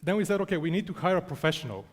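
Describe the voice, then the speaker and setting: Self-mocking founder on stage. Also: male voice, a little high, lively intonation, very fast. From Bulgaria. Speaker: startup founder presenting. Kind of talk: conference talk.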